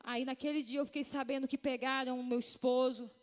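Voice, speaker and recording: A woman's voice: high voice, little pitch movement, brisk. A woman giving a heartfelt personal testimony to a church congregation, calling them brothers and sisters. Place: church hall. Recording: long reverb of a church hall.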